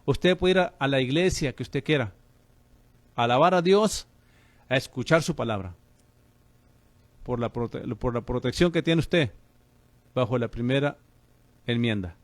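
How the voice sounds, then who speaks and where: A man's voice: medium pitch, expressive, a little slow, long pauses, no room sound. A man preaching on the radio as a pastor and host, fervent and calling listeners brother.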